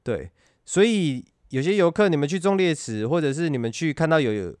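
A man with a Taiwanese accent telling stories in casual conversation, animated and illustrating them with vocal sound effects. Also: on the high side, fairly quick, dry recording, studio quality. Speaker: guest telling his military service stories.

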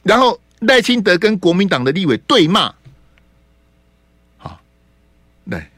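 A man's voice: high-pitched, very animated, measured pace, a bit bright, no echo, studio quality. A man hosting a radio talk show, ranting about politics with mocking rhetorical questions. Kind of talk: opinionated political commentary.

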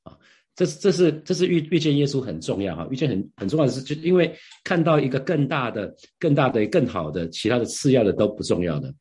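A man's voice: medium pitch, sing-song, quick pace, a little mellow, husky. A middle-aged man sharing a devotional Bible reflection as a pastor, earnest and conversational, often asking his listeners questions.

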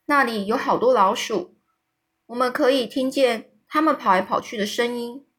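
Female storyteller, higher voice, relaxed children's read-aloud that explains words. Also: moderate pace, slightly rough. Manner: explains hard words, adds fillers.

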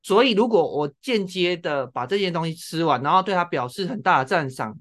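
A man's voice: sits high, animated, a little fast, a bit bright. A man, chatting bluntly and sharply as a podcast co-host. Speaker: co-host, human design reader. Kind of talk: casual podcast chat.

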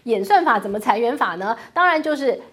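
A woman hosting a finance commentary show, talking in an animated way, full of rhetorical questions and wry asides. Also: fairly high pitch, a little fast, slightly rough. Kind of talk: talk-show commentary on the economy.

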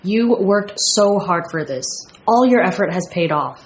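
A woman acting as a friendly, polite girl student in a lesson dialogue. Her intonation is very lively, and the sound is echoey. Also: medium pitch, a little slow. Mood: warm, excited. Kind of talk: acted language-lesson dialogue. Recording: roomy echo.

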